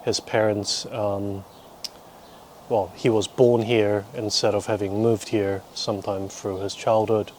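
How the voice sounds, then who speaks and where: With a flat delivery and a low, darkish voice, the young South Korean-born man raised in New Zealand since his preteens rambles casually to camera as a vlogger and teacher. Deliberate pauses set up his dry, wry humour, and there's a slight hiss or hum.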